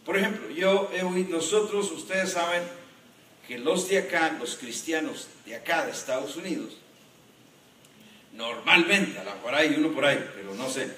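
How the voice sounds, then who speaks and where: A man, a pastor, preaching a sermon in an animated way and joking with the congregation. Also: a little high, normal speed, a little hiss or hum. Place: church. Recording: echoey church hall from a distance.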